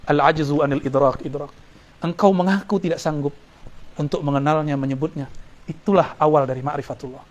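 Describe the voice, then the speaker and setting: A man's voice: a little high, steady tone, brisk. A man giving a Sufi study lecture, talking casually, quoting Arabic verses and joking with his listeners. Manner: conversational, jokes with the audience, quotes Arabic verses. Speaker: Islamic preacher.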